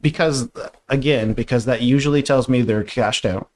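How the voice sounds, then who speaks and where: A man's voice: mid-range voice, normal speed. A young man from New Brunswick, Canada, talking bluntly as a guest in a casual interview. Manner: relaxed, conversational, blunt.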